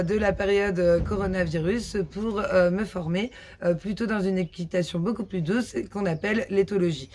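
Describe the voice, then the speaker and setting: A woman from France who runs a horse farm, explaining her work casually, with many pauses and fillers. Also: lowish voice, darkish tone.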